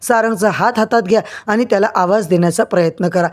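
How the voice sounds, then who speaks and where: A woman's voice: mid-range voice, fast talker, lightly acted. A woman reading the lines of a patient male doctor in a serial recap, in her own plain voice. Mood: advising. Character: calm, reassuring male doctor.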